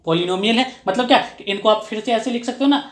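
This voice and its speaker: A slightly high-voiced woman teaches a maths lesson, stopping again and again to ask a question and answer it herself. She repeats key phrases to drive them home. The room around her is noticeably echoey. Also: quick pace. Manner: keeps asking and answering her own questions. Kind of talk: explanatory classroom lesson.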